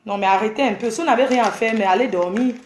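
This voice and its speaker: A woman's voice: on the high side, quick pace, roomy sound, a little hiss or hum. A woman ranting at her fans on a casual live stream, scolding and exasperated as she lectures her viewers. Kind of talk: casual Facebook live rant.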